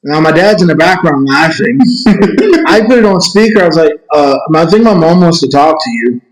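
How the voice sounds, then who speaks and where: Lively joking young man, echoey. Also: on the high side, moderate pace. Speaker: podcast guest, partner of the storyteller. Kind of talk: casual comedic chat. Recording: echoey room.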